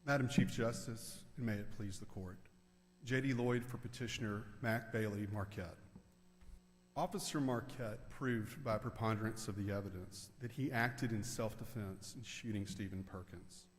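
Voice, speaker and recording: A man delivering a formal legal oral argument as a lawyer, deliberate and emphatic. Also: fairly low pitch. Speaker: appellate lawyer. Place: large indoor auditorium. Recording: reverberant large hall.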